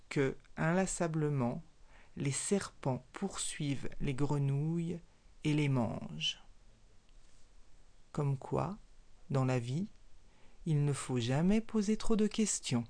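A storyteller narrating a children's folk tale at a slow, unhurried pace. The delivery is expressive, with loudness swelling and dropping to carry the story. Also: mid-range voice.

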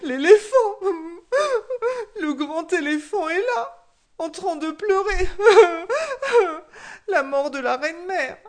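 A storyteller voicing a sly male warthog who tattles to the king, wailing high and loud with fake sobs.

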